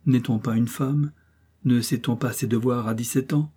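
A man voicing a tender, playful seventeen-year-old wife who speaks softly. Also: medium pitch, fairly even intonation, moderate pace, slightly rough, natural voice. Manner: soft, coaxing and playful.

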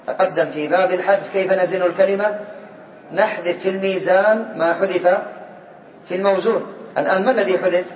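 A man teaching a class, quizzing his students and calling on them, slowly repeating key words. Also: sits high. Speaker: teacher of Arabic morphology. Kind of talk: classroom lecture. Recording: distant, roomy, dull lo-fi recording.

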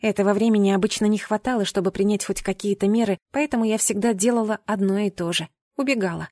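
Expressive woman narrating a fantasy audiobook. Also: mid-range voice, quick pace, no room sound, clean studio sound. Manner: expressive, dramatic storytelling. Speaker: audiobook reader.

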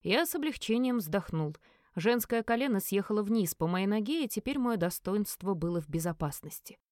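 A woman reads a novel aloud in a steady, even storytelling manner. Her voice sits at a middle pitch. The recording is dry and close, with no room sound. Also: moderate pace, dry recording. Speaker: audiobook narrator. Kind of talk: scripted narration.

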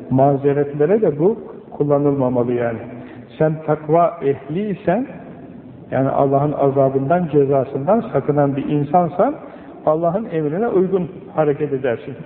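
An older man preaching a sermon in an earnest, admonishing way, his emphasis rising on key points, on an old low-quality recording. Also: slight background noise. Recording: old lo-fi recording, phone-like band, echoey hall.

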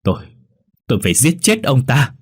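A man's voice: fairly low pitch, animated, a little fast, a little mellow, breathy edge. A man voicing a young gambler who turns remorseful, pleading and crying out in anguish. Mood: enraged. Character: desperate young man, wild gambler turned remorseful son.

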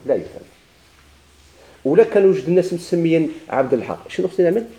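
A man's voice: fairly high pitch, lively intonation, very fast, warm tone, reverberant, rough recording. A man with a Moroccan Arabic accent teaching a grammar lesson, asking questions and answering them himself with repeated examples.

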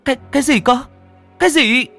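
A man's voice: very high voice, brisk, bright, forceful tone, faint music behind, pitched above the performer's own voice, exaggerated voice. A man voicing a frantic young village mother who wails and shrieks in grief in a spoken ghost story. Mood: stunned terror. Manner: wailing, shrieking cries.

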